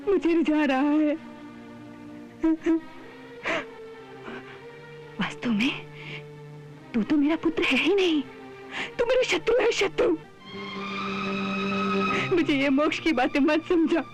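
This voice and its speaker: Heartbroken mom from a tv mythology drama, high voice, slow pleading words, soft music behind. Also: female voice. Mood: angry. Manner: pleading, repeats herself in grief. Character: anguished loving mother of a young god. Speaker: actress in a TV drama. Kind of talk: devotional TV drama acting.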